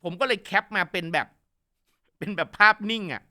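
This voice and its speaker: Male news-chat host, fairly high and very bright tone, gossipy and animated. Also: normal speed. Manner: animated, gossipy, crude jokes. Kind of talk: casual news commentary.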